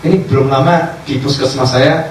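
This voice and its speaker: Animated male preacher, echoey and distant. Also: mid-range voice, moderate pace. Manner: animated storyteller acting out dialogue. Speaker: religious teacher. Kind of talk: sermon storytelling. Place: cafe gathering. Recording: echoey distant room recording, faint background noise.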